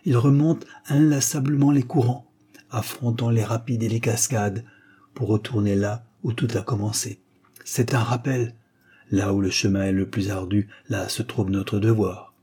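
A man's voice: on the low side, fairly even intonation, moderate pace, warm tone, breathy edge. A man voicing a stern, proud aristocratic father, an aging marquis, in an audiobook, solemn and insistent.

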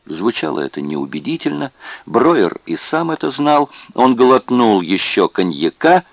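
A man reading a novel aloud in expressive scripted narration. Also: medium pitch, unhurried, creaky, no room sound. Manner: expressive storytelling. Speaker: audiobook narrator.

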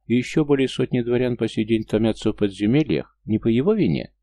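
A man's voice: medium pitch, fast, dark tone, no room sound, pitched above the performer's own voice, close to an everyday voice. A man reading an audiobook, voicing a young princess and pregnant wife who is frightened, accusing and pleading. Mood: upset, accusing.

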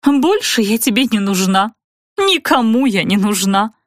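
A woman's voice: big pitch swings, measured pace, dry recording, studio quality. A woman voicing a hysterical young noblewoman. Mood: tearful. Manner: shrill, sobbing outbursts. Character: hysterical young noblewoman, touchy and self-pitying.

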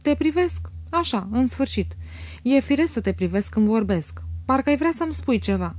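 A quick, frivolous young woman, read by a woman, teasing and coaxing. The voice is a touch higher than the narration, mellow and dry. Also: expressive, no room sound. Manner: teasing, lightly pressing. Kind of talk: audiobook character reading.

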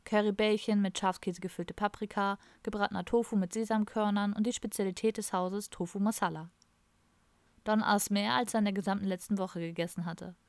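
A woman narrating an audiobook in a steady, even storytelling manner. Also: mid-range voice, no echo. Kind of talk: scripted narration.

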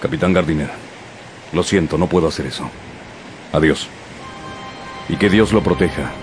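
An actor playing an obsessed, one-legged old sea captain in a radio drama, commanding and cold. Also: male voice, rumbling low, moderate pace. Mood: cold, stern. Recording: radio drama with music bed. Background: music score.

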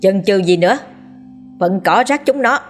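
A woman's voice: medium pitch, animated, normal speed, soft background music, lightly acted. A woman voicing a cruel, murderous old landlady who bullies and threatens her servants. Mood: vicious scolding. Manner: harsh scolding, shouting threats.

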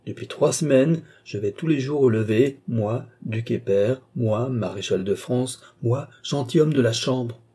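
A man's voice: medium pitch, normal speed, hardly any pauses, mellow, slightly rough, close to an everyday voice. A man voicing an old, vain French duke who banters and dodges, his retorts rising in exasperation. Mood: exasperated. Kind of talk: audiobook character reading.

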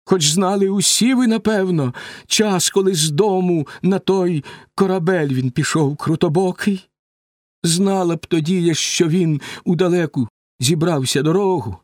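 Grieving reproachful queen voiced by a man, high-pitched, lamenting, dry close sound. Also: unhurried, no echo. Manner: raised, lamenting verse delivery. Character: grieving middle-aged queen woman, anxious and reproachful.

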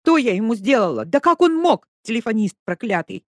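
A reader voicing a dramatic, easily panicked young woman who complains in shrill outbursts. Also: big pitch swings, brisk, a little mellow, no echo, close to an everyday voice. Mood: agitated.

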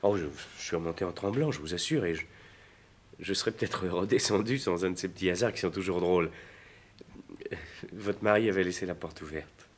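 An actor playing an anxious, jealous young lover who stammers and pleads in 1950s French stage style. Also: male voice, low-pitched, a little fast, lightly acted. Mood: pleading. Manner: stammering, pleading, rising to indignant outbursts.

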